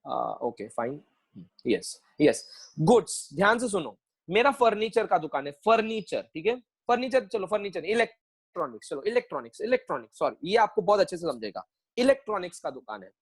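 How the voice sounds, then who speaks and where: A man's voice: high-pitched, sing-song, normal speed, breathy edge, rough recording. A man teaching an online accounting class, mixing Hindi and English, joking with his students and repeating phrases as he quizzes them.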